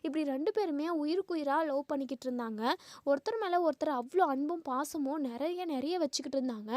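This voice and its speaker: Earnest young man, read by a woman, reasoning, high voice, dry sound. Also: fast, a little mellow, no echo, lightly acted.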